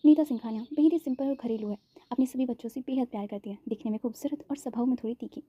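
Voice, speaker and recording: A woman narrating a dramatized story with lively acted dialogue. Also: on the high side, fast, husky, dry recording. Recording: dull, dry lo-fi recording.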